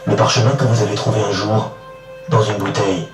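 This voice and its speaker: A man's voice: on the low side, steady tone, brisk, close to an everyday voice. Solemn male oracle guardian, played by an actor, board game audio: prophetic trance delivery, heavy echo over music. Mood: solemn, portentous. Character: solemn male oracle, mysterious guardian of a lost island temple. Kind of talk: scripted board game CD narration. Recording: very echoey, distant, music behind. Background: clear music.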